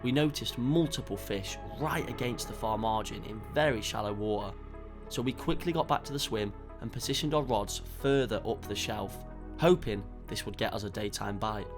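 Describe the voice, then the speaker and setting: A man calmly narrating a fishing trip in a measured, scripted voice-over. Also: fairly low pitch. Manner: calm, measured storytelling. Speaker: fishing vlogger. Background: background music.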